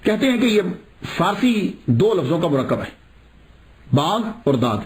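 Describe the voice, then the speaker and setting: A male preacher tells a religious story with a lively voice that leaps up and down, sitting fairly high for a man. He throws in rhetorical questions and chuckles as the tale unfolds.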